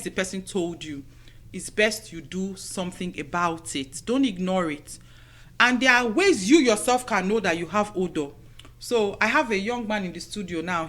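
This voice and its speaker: A woman's voice: lowish voice, fairly bright tone. A middle-aged woman hosting a radio talk show from a studio, giving casual, motherly advice to women with lots of "you know" fillers.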